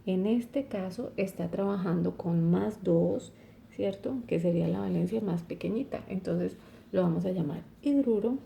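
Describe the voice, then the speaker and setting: A woman's voice: lowish voice, normal speed, gravelly, warm tone, slight background noise. A woman teaching a chemistry lesson, explaining step by step and often checking with "¿cierto?". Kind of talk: recorded online lesson.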